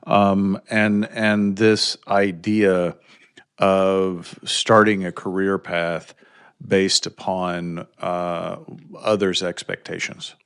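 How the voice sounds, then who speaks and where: A man with a very low, gravelly voice hosts an interview podcast. He talks in a loose, friendly, conversational way and pokes fun at himself. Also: flat delivery, extremely slow, fairly bright tone. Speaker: podcast host. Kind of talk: casual interview chat.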